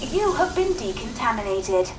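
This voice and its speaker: A woman voicing a calm, polite automated factory announcer in a video game, measured and formal. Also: on the high side. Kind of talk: scripted public-address announcement in a game. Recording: distant echoing announcement, noisy ambience.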